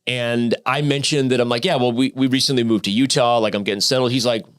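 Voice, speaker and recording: A man in his thirties from Arizona, a podcast guest telling his story in a lively, profane way with many restarts and fillers. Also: medium pitch, fast, clean tone. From Arizona, United States. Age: 30s. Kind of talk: casual storytelling interview.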